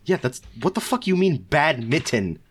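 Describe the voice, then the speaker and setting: A man's voice: on the high side, sing-song, normal speed. A young man chatting casually as a podcast co-host, with crude, teasing, swear-heavy frat-bro slang. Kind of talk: casual chat.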